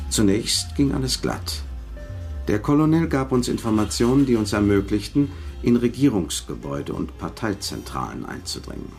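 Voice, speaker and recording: In a German radio drama, a washed-up spy speaks in a very low, gravelly voice with a darkish tone. Bitter and bent on revenge, he tells his story with weary gravity and a widely moving melody.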